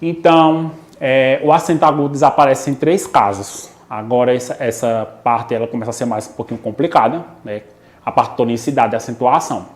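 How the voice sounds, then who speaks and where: A male teacher with a Brazilian Portuguese accent from Pernambuco gives a recorded online lesson. He talks in an explanatory way, often checks in with "né?" and "ok?", and slows down to draw out each example word. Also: medium pitch. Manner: explanatory, frequent "né?" and "ok?" check-ins, drawn-out example words.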